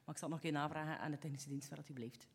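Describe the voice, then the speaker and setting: Fast, polite Flemish alderman. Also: medium pitch, little pitch movement, slight background noise.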